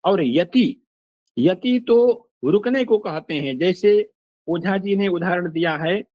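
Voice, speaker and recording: An older man teaching Sanskrit phonetics in a slow, measured lecture, pausing to recite verses and examples. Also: sits high, no echo. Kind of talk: lecture explaining a text line by line. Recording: dull, lo-fi dry recording.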